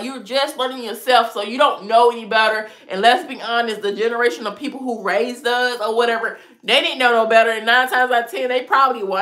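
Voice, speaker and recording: Her fairly high voice sounds pushed and bright. She's a lifestyle vlogger in her thirties, blocked up with a cold, laughing often as she talks openly about dating in a casual session answering viewer comments.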